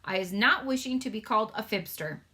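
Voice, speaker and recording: Storybook giant, male character woman performing: sincere, touchy, folksy phrasing, forceful bright tone. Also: mid-range voice, a little fast, lightly acted. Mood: offended. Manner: folksy muddled grammar, emphatic telling. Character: earnest, touchy giant man with muddled grammar. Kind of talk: storybook read-aloud character voice.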